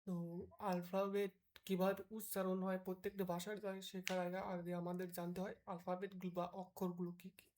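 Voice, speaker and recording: A woman's voice: fairly low pitch, little pitch movement, a little mellow, a little hiss or hum. A woman from Bangladesh who tutors German, giving a patient beginner lesson and drilling the alphabet letter by letter so listeners can repeat after her. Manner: slow, patient, drills letters one at a time.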